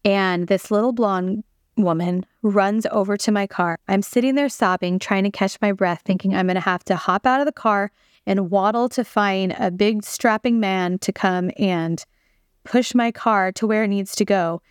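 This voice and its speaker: A woman's voice: mid-range voice, normal speed, smooth, dry recording. Woman host, mid-range voice, earnest conversational testimony addressed to listeners, dry close sound. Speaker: podcast host sharing a testimony. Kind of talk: personal faith testimony storytelling.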